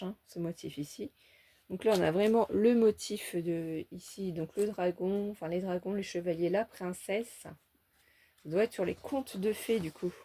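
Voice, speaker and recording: A woman's voice: mid-range voice, dark tone. Chatty woman showing off a craft haul. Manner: chatty, enthusiastic, fond of little words like "petite" and "hein". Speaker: scrapbooking haul vlogger. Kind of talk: casual show-and-tell haul.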